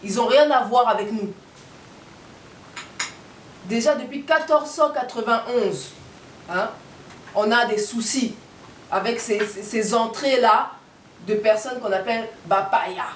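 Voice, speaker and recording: A woman's voice: on the high side, a little slow, long pauses, reverberant, distant mic, a little hiss or hum. A woman giving an impassioned political and spiritual monologue, firing off rhetorical questions and repeating her points for emphasis. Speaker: activist speaker.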